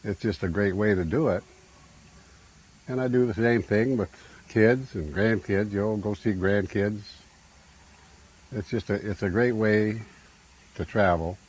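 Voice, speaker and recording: A man's voice: fairly low pitch, a little slow, pauses often. An older man talking in an easygoing, rambling, folksy way about living full time on the road, speaking from inside his travel trailer. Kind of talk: casual conversational storytelling. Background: loud guitar music.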